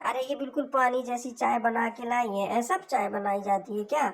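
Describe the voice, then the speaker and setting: A woman's voice: a little high, steady tone, moderate pace. A woman voicing an arrogant young married daughter who finds fault with her sister-in-law in a homemade family drama skit. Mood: scornful. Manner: scornful, fault-finding.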